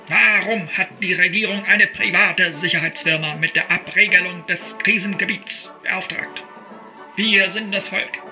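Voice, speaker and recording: A man's voice: high-pitched, measured pace, sharp tone, faint music behind, exaggerated voice, low-quality recording. An actor playing a bombastic male nationalist agitator who declaims rhetorical questions to a rally in a satirical audio drama. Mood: ranting.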